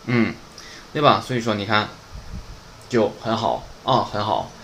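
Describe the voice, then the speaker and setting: A man's voice: on the low side, animated, a little slow, a bit bright, slight background noise. A man teaching beginner Japanese in a casual, chatty online lesson, often asking "right?".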